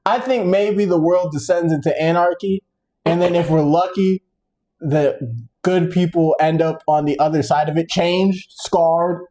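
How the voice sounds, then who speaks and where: Mellow-voiced man ranting on a podcast. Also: on the high side, unhurried. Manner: animated ranting, sarcastic. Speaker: podcast co-host. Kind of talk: casual chat.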